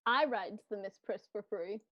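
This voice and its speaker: A woman's voice: medium pitch, normal speed, highs cut off. A woman playing a tabletop game, chatting and joking casually.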